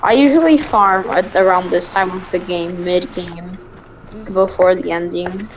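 A woman streamer chatting casually while playing, breaking into excited exclamations. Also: lowish voice, a little slow, poor audio. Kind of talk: casual gaming chat.

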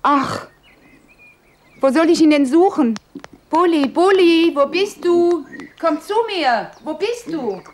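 A woman's voice: high voice, animated, slow, long pauses, darkish tone, slight background noise. A woman playing a worried dog owner calling for her lost dog in a children's show. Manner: calling out, pleading. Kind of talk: children's television acting.

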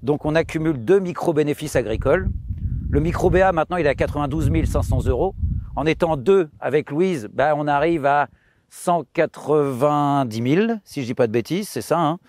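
A man's voice: on the high side, fairly quick, a little mellow. A man in his thirties explaining his farm outdoors on a tour, casual and hesitant with many fillers. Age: 30s. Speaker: farmer giving a farm tour.

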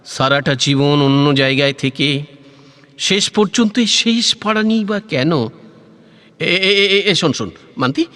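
A male actor plays a teasing, nosy old man in the style of an old radio play. His high voice swings widely and he lingers theatrically over slow, repeated phrases, with faint music behind him. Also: sharp tone, in a large hall, heavily acted. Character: playful, nosy elderly man, a childhood sweetheart reminiscing. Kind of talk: Bengali audio drama acting, like an old radio play.

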